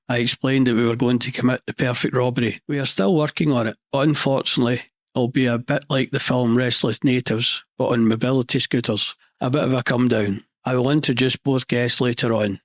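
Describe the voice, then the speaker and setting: A middle-aged Scottish man with a monotone delivery, hosting a scripted podcast monologue with dry, deadpan humour. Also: mid-range voice, fairly quick, no echo. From Scotland. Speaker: podcast host.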